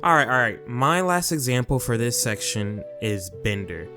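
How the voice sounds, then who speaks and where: A man's voice: mid-range voice, sing-song, moderate pace, over music. A man hosting a casual video essay, talking in a chatty, jokey, self-aware way.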